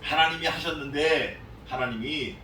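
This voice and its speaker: A man's voice: a little high, moderate pace, pushed and bright, slight background noise. A male pastor preaching an expository sermon in an emphatic, repetitive style. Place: church sanctuary. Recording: echoey church sound from a distant mic.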